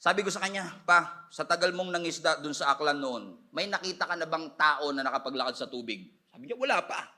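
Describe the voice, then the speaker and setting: Man pastor from the Philippines, bright ringing voice, slightly high, lively sermon delivery with shouted peaks. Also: a little fast, few pauses. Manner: animated preaching, shouts at peaks, mixes in English.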